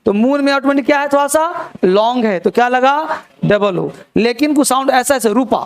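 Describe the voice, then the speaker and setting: A man's voice: very high voice, lively intonation, moderate pace, slight background noise. A man teaching a spelling lesson to a class, repeating key words and quizzing his students. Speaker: English teacher.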